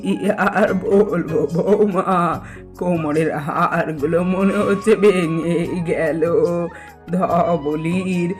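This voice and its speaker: Brief: male actor doing a kindly, stubborn old grandma for a doll cartoon, very slow and drawn-out, slightly high. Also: steady tone, faint music behind. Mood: pained.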